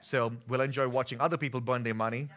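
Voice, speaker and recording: Preaching on a church stage, an Indian pastor in his thirties uses an Indian accent and alternates easy conversation with forceful emphasis. He talks quickly in a mid-range voice with fairly even intonation.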